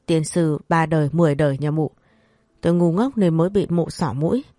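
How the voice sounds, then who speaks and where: A woman voicing a young male servant in a storybook drama, accusing loudly and pointing out proof. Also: low voice, fairly quick, no room sound, clean studio sound, natural voice. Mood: angry accusing. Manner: shouting accusations.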